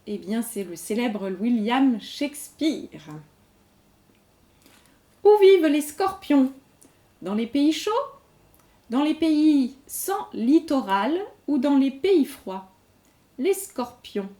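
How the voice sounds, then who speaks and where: A woman's voice: high-pitched, expressive, slow pace, long pauses, warm tone. A woman hosting a general-knowledge quiz, reading each question twice and patiently explaining the answer. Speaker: quiz host. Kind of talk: reading quiz questions aloud, slow and clear.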